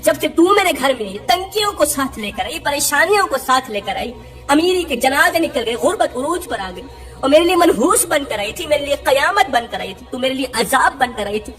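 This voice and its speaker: A woman's voice: high-pitched, sing-song, a bit bright, faint music behind. A woman voicing an angry husband who scolds and insults his wife.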